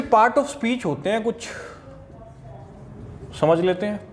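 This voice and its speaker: A man from India with a Haryanvi Hindi accent teaches English grammar at a classroom whiteboard. His voice sits a little on the high side, and he keeps the lesson chatty, checking in with his students again and again. A faint hiss of background noise runs under the talk. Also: a little mellow. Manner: chatty, addresses students as "bachche", repeats "theek hai". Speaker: English teacher for exam prep.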